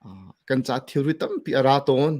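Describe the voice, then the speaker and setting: A man speaking casually about church ministry, mixing English words into his talk. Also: quick pace. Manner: relaxed, mixes English words into speech.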